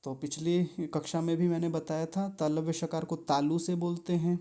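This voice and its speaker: A man hosting his own channel, teaching careful pronunciation in a deliberate way and repeating each word syllable by syllable. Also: a little high, level tone, warm tone. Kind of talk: pronunciation lesson.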